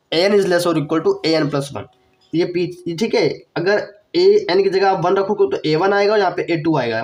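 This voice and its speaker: Coughing and feeling slightly ill, a young man teaches math online in a high, darkish voice. He breaks the material into steps, says the key phrases again, and keeps asking the viewer questions.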